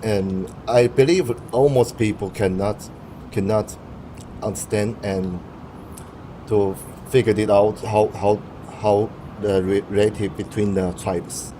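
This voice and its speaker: This young Taiwanese man, a native Mandarin Chinese speaker, is answering interview questions in English and frequently stops to restart as he searches for words. His voice is lowish with fairly even intonation, heard over a noisy background.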